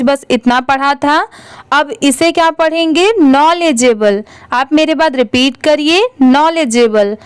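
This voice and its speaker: A woman's voice: sits high, dry recording. A young woman teacher with an Indian accent, patiently spelling out English words letter by letter for learners and asking them to read each one back. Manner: patient and methodical, asks the learners questions.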